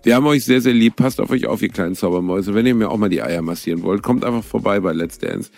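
Gravelly-voiced joking young man. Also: fairly low pitch, fast talker, a little mellow. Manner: self-mocking, mock-sentimental joking. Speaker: podcast co-host. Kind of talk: casual comedic banter.

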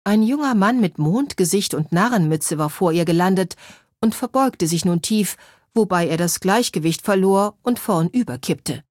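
A woman's voice: mid-range voice, lively intonation, normal speed, a little mellow, dry recording, clean studio sound. Woman narrating a children's story.

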